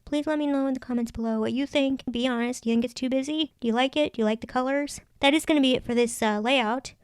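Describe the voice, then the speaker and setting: Clear, higher-voiced woman chatting through crafts. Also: steady tone, fast, dry recording, clean studio sound. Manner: chatty, thinking aloud. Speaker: craft vlog host. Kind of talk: casual planner tutorial narration.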